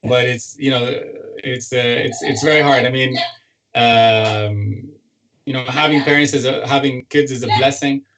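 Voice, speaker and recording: A man's voice: medium pitch, steady tone, fairly bright tone, a little hiss or hum, poor audio. A man from Sudan, a political cartoonist and parent, chatting in an interview with frequent restarts and fillers. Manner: halting, many restarts and fillers. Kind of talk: casual interview chat.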